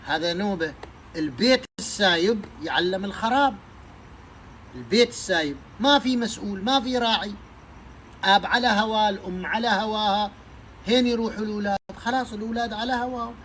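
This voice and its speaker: Guy, highish voice, preachy, lecturing parents hard, faint car hum behind. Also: fast talker, fairly bright tone, low-quality recording. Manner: preachy, emphatic, rhetorical questions. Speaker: social media speaker giving advice to parents. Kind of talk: impassioned advice monologue.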